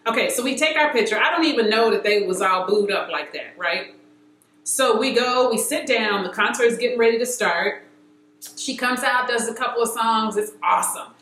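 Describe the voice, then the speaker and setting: Chatty lady telling a fan story, kinda high voice, lots of ums, echoey room. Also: moderate pace, slight background noise. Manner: animated, acts out quotes with filler words. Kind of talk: casual storytelling chat.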